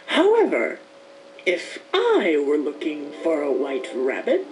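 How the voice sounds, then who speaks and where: A woman's voice: low-pitched, huge pitch swings, takes it slowly, exaggerated voice. A woman playing a teasing, mad cartoon cat with a sing-song, playfully evasive delivery. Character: mischievous, teasing male Cheshire cat, grinning and mad. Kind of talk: cartoon fandub acting. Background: music.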